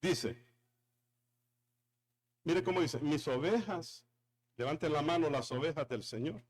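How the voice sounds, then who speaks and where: Male pastor, high voice, emphatic sermon delivery that calls on the room. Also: a little slow. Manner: emphatic preaching with repetition and calls to the congregation.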